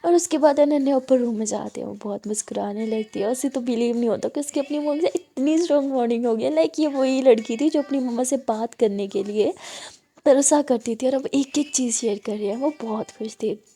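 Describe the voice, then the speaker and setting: Female narrator, casual chatty storytelling, high warm-toned voice. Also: a little fast. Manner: chatty, mixing in English words, casual asides.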